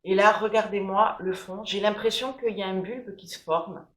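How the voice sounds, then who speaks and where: A woman's voice: medium pitch, steady tone, normal speed, a bit bright. A woman giving an enthusiastic, chatty tour of her houseplants, with plenty of fillers. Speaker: plant vlogger. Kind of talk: casual plant tour. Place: room at home. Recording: echoey room.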